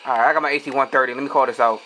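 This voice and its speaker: A man's voice: medium pitch, rapid-fire, a little hiss or hum. A young man, trash-talking his teammates while commenting on his own gameplay. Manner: excitable, profane trash talk. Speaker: gamer.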